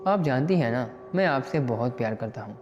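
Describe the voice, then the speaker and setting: A man voicing a gentle, caring young brother-in-law who pleads softly in a storybook tale. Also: mid-range voice, lively intonation, brisk, natural voice. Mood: concerned. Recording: dull lo-fi recording with long reverb and faint music.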